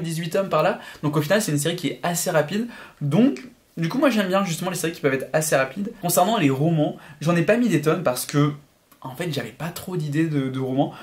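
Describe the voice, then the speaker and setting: A young man talking casually and enthusiastically in a vlog, rambling with many fillers and restarts. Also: mid-range voice. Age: young adult. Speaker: YouTuber.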